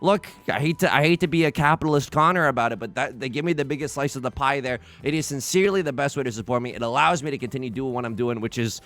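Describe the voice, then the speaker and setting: A man's voice: medium pitch, fast talker, hardly any pauses, fairly bright tone. A man hosting his own let's play, talking through a tile game in a rambling, self-mocking stream of consciousness into a desk microphone. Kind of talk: casual gameplay commentary.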